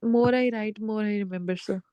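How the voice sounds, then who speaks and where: A woman's voice: mid-range voice, fairly even intonation, brisk, smooth, muffled recording. A woman student in a one-to-one online lesson, mostly giving brief agreeable replies.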